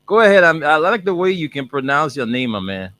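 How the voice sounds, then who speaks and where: A man hosting a casual call-in radio show, brisk and jokey with many fillers. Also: a little high, big pitch swings, sharp tone, no echo.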